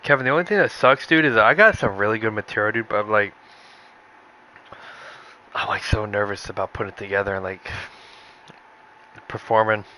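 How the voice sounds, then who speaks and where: A man's voice: on the low side, brisk, pauses often, bright, forceful tone, slight background noise, poor audio. A young man chatting casually on a live stream, rambling through ideas for comedy bits with many restarts and frequent "dude"s. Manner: rambling, restarts often, says "dude" a lot. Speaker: streamer trying out stand-up material. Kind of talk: casual chat.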